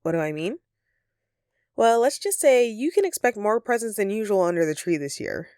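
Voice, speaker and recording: Playing a friendly, flustered Christmas elf who has been secretly rooming with the listener, a woman speaks in a conversational, sheepish, earnest way, sounding grateful and affectionate. Her medium-pitched voice is smooth and a little mellow with big pitch swings and a moderate pace, lightly acted in a dry, studio-quality recording.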